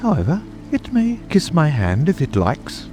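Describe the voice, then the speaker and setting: A man's voice: a little high, wildly swooping pitch, moderate pace, over music. Man playing a pompous, wildly swooping storybook king. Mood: haughty. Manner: haughty, imperious. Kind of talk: dramatic audiobook reading.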